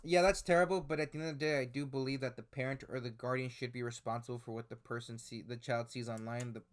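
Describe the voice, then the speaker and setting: A commentary YouTuber in his twenties talks casually over screenshots and articles, speaking fast at medium pitch with fairly even intonation. He's hesitant, full of fillers and restarts.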